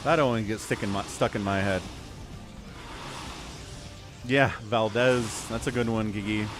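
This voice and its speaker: A man's voice: lowish voice, fairly even intonation, measured pace, music in the background. A man giving casual, wry livestream commentary on a strategy game, with chatty asides.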